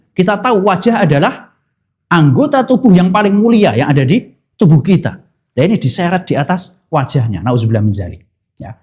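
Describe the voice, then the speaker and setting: Male preacher at a mosque study circle, mid-pitched, reciting Arabic slowly and then explaining it. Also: darkish tone. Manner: explains slowly and asks the congregation questions he then answers. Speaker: Islamic preacher.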